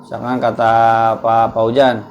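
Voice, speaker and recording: Faint music plays behind a lo-fi recording of a man teaching a relaxed religious lesson at a home gathering, an ustaz who talks conversationally and tests his group with questions. He speaks in a monotone, mid-range voice at a measured pace.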